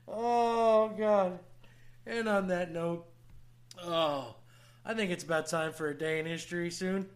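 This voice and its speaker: A man's voice: high voice, fairly even intonation, takes it slowly, long pauses. A man hosting a podcast in casual comic banter, teasing and swearing freely. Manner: teasing, profane. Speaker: podcast host.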